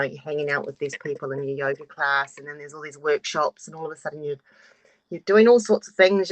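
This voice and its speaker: Frank woman in her forties, low and dry. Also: dry recording, low-quality recording. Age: 40s. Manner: frank and open, swearing now and then. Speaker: course participant. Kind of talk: candid self-introduction on a video call.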